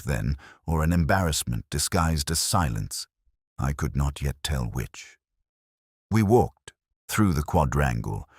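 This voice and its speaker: A middle-aged detective with a very deep voice narrates his own case in scripted first person, brooding and scholarly, with literary solemnity. His intonation moves expressively within that low register, and his voice is slightly rough and exaggerated. The recording is dry and close.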